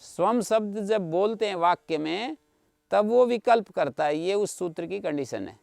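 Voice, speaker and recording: A man's voice: high voice, animated, moderate pace, gravelly, a little mellow, dry recording, clean studio sound. A man teaching Sanskrit grammar in an online class, explaining rules patiently, repeating key points and checking that his listeners follow. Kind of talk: explanatory lecture.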